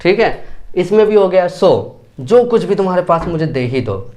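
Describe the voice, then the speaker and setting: A man's voice: sits high, big pitch swings, normal speed, a little mellow. A male English teacher, giving a classroom grammar lesson and checking understanding again and again. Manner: repeats points and checks understanding often.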